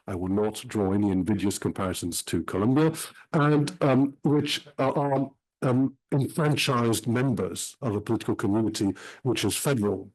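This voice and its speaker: A middle-aged man speaks at a middle pitch, giving an academic talk. He weighs his words, filling the gaps with frequent ums. His delivery is careful and reflective. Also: a little mellow, poor audio. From Switzerland. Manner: measured, frequent um pauses. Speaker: historian giving a talk about his book.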